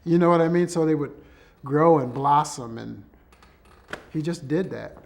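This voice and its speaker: Man, gravelly, unhurried, casual reminiscence, faint noise. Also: a little high, darkish tone.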